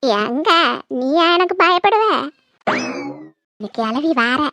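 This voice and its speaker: A performer playing a sharp-tongued older village mother-in-law who nags and scolds her daughter-in-law in a comedy skit. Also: sing-song, slow pace, no room sound, exaggerated voice. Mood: nagging. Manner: nagging, shrill scolding.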